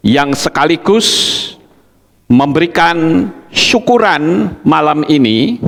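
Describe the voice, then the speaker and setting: Slow-speaking pastor in a reverberant hall. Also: male voice, on the high side, vocal fry, fairly bright tone. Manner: slow, deliberate, addresses congregation often. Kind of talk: sermon and church announcements. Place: church hall.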